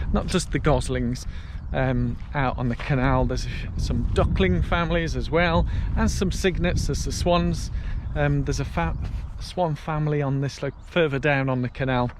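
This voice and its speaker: Out on a canal path, a British vlogger chats casually to viewers, storytelling as he walks. His mid-range voice moves at normal speed with few pauses, against faint outdoor sounds and traffic.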